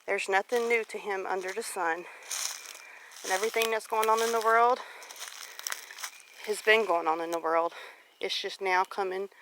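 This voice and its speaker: Walking outside on a rural property, a homestead vlogger in her late forties talks casually and reflectively to her audience, encouraging them with a devout spirit. Her mid-range voice is a bit bright. The recording is low quality and was made outdoors, with clear background noise.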